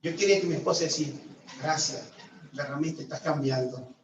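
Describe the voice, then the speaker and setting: A male pastor from Venezuela giving a sermon testimony, telling his story with sudden loud outbursts and hushed asides. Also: on the high side, brisk, slight background noise. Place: church hall. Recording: distant echoey church room, dull sound.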